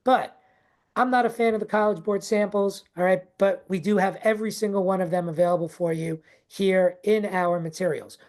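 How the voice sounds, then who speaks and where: This teacher trainer runs a live online workshop for teachers over video call, speaking in a chatty, informal way and checking in with "okay?" and "right?". Her mid-range voice is steady and a little mellow, she talks at normal speed, and her unnamed regional accent isn't native to Texas.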